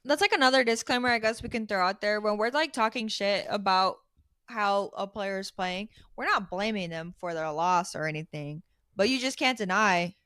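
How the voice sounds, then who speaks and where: A woman co-hosting a football podcast, animated and chatty, stumbling into her points and swearing freely. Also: medium pitch, moderate pace, clear, resonant tone, no echo, studio quality. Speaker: podcast co-host. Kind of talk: casual sports chat.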